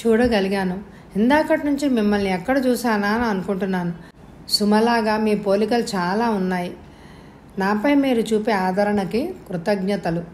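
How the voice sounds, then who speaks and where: A woman voicing a grateful, lonely young man who speaks in a rushed, heartfelt way in a storybook reading. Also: medium pitch, a little mellow, a little hiss or hum, natural voice.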